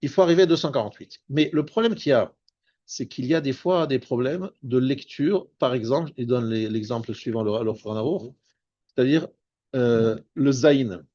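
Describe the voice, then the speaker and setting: A man, a rabbi, teaching a spoken Torah lesson, explaining patiently and slowing down on Hebrew terms. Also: mid-range voice, dark tone, muffled recording. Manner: explanatory, repeats and restarts words, stresses Hebrew terms slowly.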